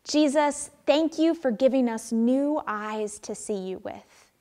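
A young woman pastor with a high voice speaks slowly and animatedly to children during a children's sermon in a church sanctuary. The audio comes from a camera positioned across the room.

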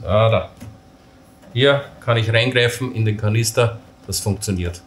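Here the man's pitch sits fairly low and his pace is a little slow. He casually explains camping gear assembly step by step while working with the parts, teasing himself over his mistakes, in a hands-on tutorial recorded with roomy echo and faint noise.

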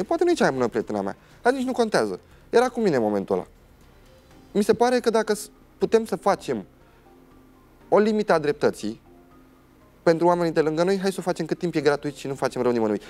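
A man's voice: fairly high pitch, darkish tone. A young man, a guest on a TV talk show, telling a personal story in a dramatic way and acting out what other people said.

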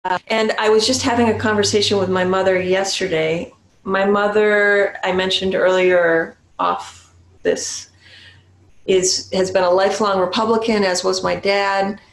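Her voice is mid-range and steady, captured by a webcam in a roomy, low-quality recording. She's a New Hampshire Zen priest and meditation teacher, reflectively sharing her story on a video call from a small room at home, taking her time with little restarts and gentle laughter.

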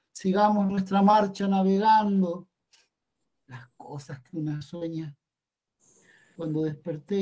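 A man reading as a hushed old grandmother. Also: fairly high pitch, lightly acted. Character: elderly migrant grandmother, weary and hushed. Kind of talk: poetry reading of a dramatic monologue.

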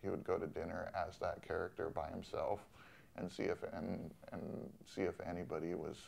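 A man in his forties, a film director, speaking thoughtfully in an interview with many pauses and restarts. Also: low-pitched, level tone, gravelly, a little hiss or hum. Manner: soft-spoken, thoughtful, with many ums and restarts. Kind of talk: interview conversation. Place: studio in Los Angeles.

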